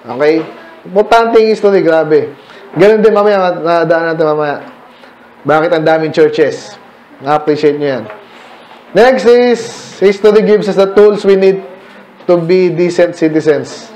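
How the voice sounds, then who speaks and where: Recorded in an echoey church meeting room, a man with a slightly high, slightly mellow voice speaks at a measured pace. He's giving a conversational church history lecture to a mixed room, mixing in English terms and peppering his points with rhetorical questions to the listeners.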